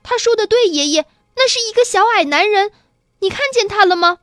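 A woman's voice: very high voice, lively intonation, normal speed, fairly bright tone, no echo, studio quality, faint music behind, pitched above the performer's own voice. Charlie, an eager young boy, as a woman reads him. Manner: amazed, eager questioning. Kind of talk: children's storybook reading.

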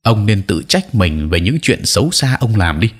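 A man voicing an indignant young male disciple who shouts accusations in an audio story. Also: fairly low pitch, sing-song, moderate pace, husky.

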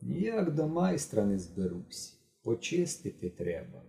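Man voicing a nonchalant young working lad, off-hand, quiet, dark tone, audiobook. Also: medium pitch, moderate pace, creaky, echoey room, lightly acted. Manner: casual, understated.

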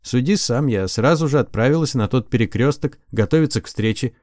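A man reading an audiobook, voicing a stubborn, sharp-tongued young girl sorceress in a raised, teasing voice. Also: mid-range voice, expressive, fairly quick, no room sound, clean studio sound, lightly acted. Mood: earnest. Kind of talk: audiobook character voice.

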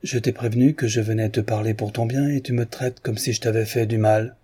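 A man reading aloud, voicing a sly, calm peasant woman who speaks quietly and insinuatingly. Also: medium pitch, fairly quick, slightly rough, natural voice. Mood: falsely humble.

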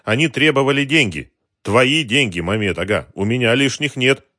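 A man voicing a stubborn, hot-tempered shopkeeper who shouts back at gangsters. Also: mid-range voice, lively intonation, moderate pace, no room sound, studio quality, pitched above the performer's own voice. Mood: tense, defiant. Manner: defiant, shouting.

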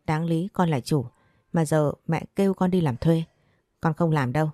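A woman's voice: low voice, moderate pace, warm tone, no room sound, clean studio sound, close to an everyday voice. A woman reading the lines of a spoiled, resentful young woman in an audio story. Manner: sulky, resentful.

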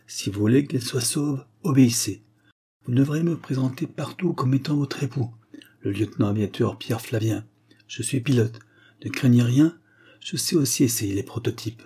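A man's voice: mid-range voice, moderate pace, mellow, breathy edge. A man voicing an implacable blackmailing spy. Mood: menacing. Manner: menacing, commanding. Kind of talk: audiobook reading of a spy novel.

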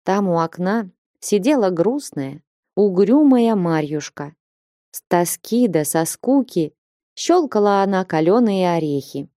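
A woman narrating a classic novel as an audiobook in a calm, even storytelling manner. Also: on the low side, unhurried, dry recording, clean studio sound. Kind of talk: scripted literary narration.

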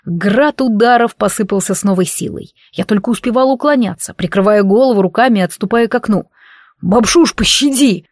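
A woman reads a first-person story in measured audiobook narration. Her voice sits in a middle pitch. The recording is dry, with no room sound. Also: darkish tone, dry recording. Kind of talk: scripted narration.

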